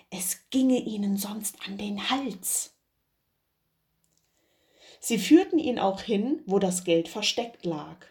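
Woman reading an old fairy tale out loud, slow and really animated, measured storytelling. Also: medium pitch.

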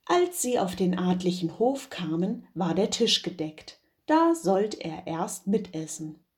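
A woman reading a fairy tale aloud in a measured, expressive storytelling manner. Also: medium pitch.

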